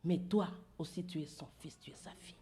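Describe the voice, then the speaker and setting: A woman pastor preaching a sermon in a church, telling a personal testimony, swinging between loud exclamations and hushed, whispered asides. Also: lowish voice, a little fast, slightly rough. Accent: French-speaking Central African.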